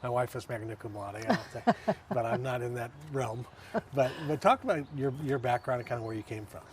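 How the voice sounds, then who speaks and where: A man's voice: medium pitch, animated, brisk, slight background noise. A man hosting a talk show, chatty and repeating words as he searches for them. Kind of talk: casual interview.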